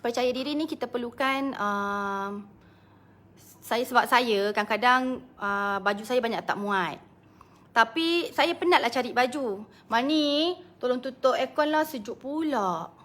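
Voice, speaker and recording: A woman's voice: a little high, measured pace, a bit bright. A Malaysian woman business coach chatting casually on a live stream, greeting viewers by name and laughing often.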